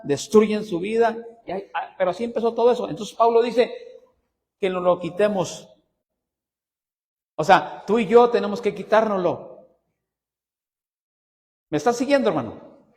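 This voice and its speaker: A male pastor preaches in a high, animated voice, his pitch jumping up whenever he poses questions to the congregation, and a long church reverb surrounds every word in the sanctuary. He speaks a little slowly with frequent pauses, building rising emphasis, swinging his pitch lively, and tossing teasing, humorous asides to the people in the pews.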